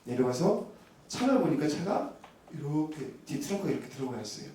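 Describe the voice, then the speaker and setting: A man's voice: on the high side, a little fast, a little hiss or hum. A man in his thirties, a pastor, telling a personal story in a sermon and acting out the voices in it. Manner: animated storytelling, acts out quoted voices, chuckles often. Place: church sanctuary. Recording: roomy church hall, voice from a distance.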